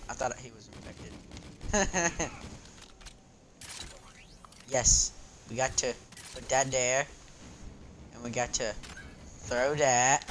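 A man giving excitable live gameplay commentary, often laughing and yelping as he plays. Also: medium pitch, slight background noise. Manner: excitable, yelps and laughs while playing. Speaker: gaming YouTuber.

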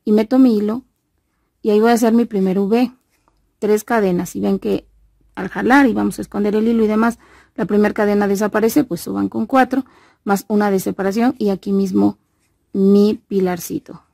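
This crochet instructor and host from Veracruz, Mexico, speaks in a gravelly, dark, medium-pitched voice, keeping a steady tone and moderate pace for her casual tutorial. A slight lisp left by a molar extraction gives her speech a mouth-full quality. The sound is clean studio audio with no echo.

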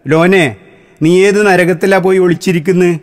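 A man's voice: on the high side, normal speed, natural voice. A man voicing an impatient scolding priest. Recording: long hall reverb.

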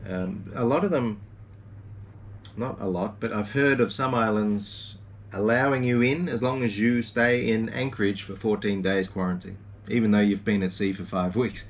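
A man's voice: lowish voice, fairly even intonation, moderate pace, distant mic. A man in his forties giving a casual, rambling video update with lots of ums and uhs, recorded from a boat cabin on a camera mic. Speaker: sailing vlogger. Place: small boat cabin, indoors.

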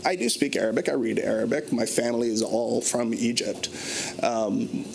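A man in his thirties, a native English speaker, sits on a conference panel discussing a research paper in a conference room in front of a banner. His medium-pitched, darkish voice has vocal fry and moves at normal speed, full of restarts and fillers as he thinks aloud and gestures a lot. The lapel mic recording is rough, with slight background noise.

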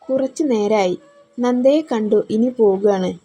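A woman's voice: fairly high pitch, a little slow, mellow, husky, dull audio, soft background music. A woman voicing a kind, easygoing young man who speaks in a friendly, reassuring way.

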